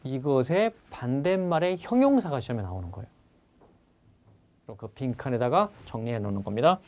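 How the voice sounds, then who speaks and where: A man's voice: mid-range voice, very animated, a little fast, a little mellow. A man teaching an exam-prep vocabulary lecture who keeps asking his students questions and repeats each key word.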